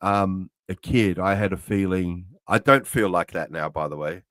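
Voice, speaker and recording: Earnest low-voiced man, halting. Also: fairly bright tone, no echo. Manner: earnest, halting, many restarts. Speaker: co-host. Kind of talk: casual live-stream chat.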